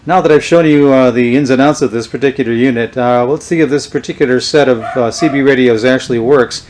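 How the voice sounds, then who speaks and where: A medium-pitched man shows off vintage radio gear item by item in an informal, unscripted show-and-tell. His delivery is halting and unhurried, his tone darkish, with a little hiss or hum in the recording.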